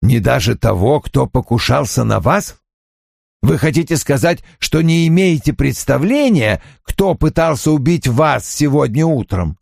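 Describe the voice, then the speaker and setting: A man's voice: medium pitch, expressive, gravelly, a little mellow, slightly rough, no room sound, pitched above the performer's own voice, exaggerated voice. A man voicing a stern, imperious detective. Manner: dry, measured, commanding.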